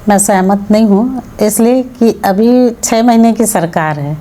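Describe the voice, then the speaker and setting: A woman politician answers an interviewer in a firm, argumentative way, often firing back with pointed questions. Her voice is mellow and on the darker side. A faint hiss of noise sits under the recording. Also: medium pitch, measured pace. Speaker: MLA, interview guest.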